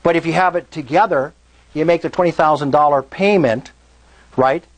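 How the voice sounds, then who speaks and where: A man with a fairly high voice speaks at normal speed while hosting a real estate meetup in a meeting room. He explains things to the live audience, frequently checking in with "right?" and "okay?".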